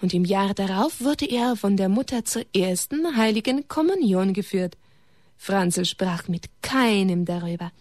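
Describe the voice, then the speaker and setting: A woman reading a religious story aloud to children in a gentle way, turning to them with questions and sometimes dropping to a whisper. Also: medium pitch, animated, measured pace, dry recording, clean studio sound.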